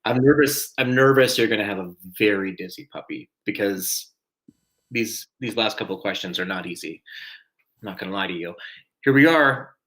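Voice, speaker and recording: A man's voice: on the low side, normal speed, fairly bright tone, poor audio. Chatty self-mocking man hosting trivia. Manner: chatty and self-deprecating, frequent chuckles. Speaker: trivia host. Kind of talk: live-streamed trivia hosting.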